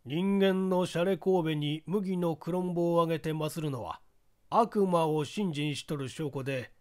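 A man's voice: a little high, a little mellow, pitched above the performer's own voice. A man voicing a portly, self-important older police chief who drawls in Kyushu dialect.

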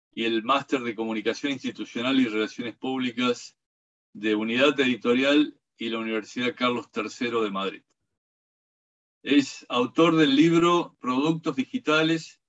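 Male host, steady formal intro reader, mid-pitched voice, dull lo-fi recording. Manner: steady, formal, read-aloud delivery. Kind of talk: reading a speaker introduction. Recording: dull lo-fi sound.

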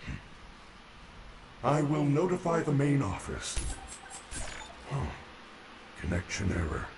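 An actor playing a gentle, caring robot mascot bear in a video game, speaking in calm, formal, kindly robotic phrases. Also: male voice, mid-range voice, slow, gravelly, slight background noise, exaggerated voice. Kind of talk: video game character dialogue.

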